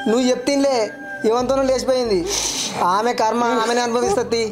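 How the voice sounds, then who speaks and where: A man's voice: very high voice, steady tone, quick pace, over music. A man playing a firm, coaxing village brother-in-law. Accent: Telangana Telugu. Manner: coaxing, reassuring.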